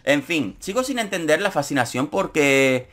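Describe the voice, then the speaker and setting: A man's voice: on the high side, very animated, fairly bright tone. A man giving camp, sarcastic commentary on a reality show as a YouTuber. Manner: camp, sarcastic, quick jokes. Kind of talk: casual comedic commentary.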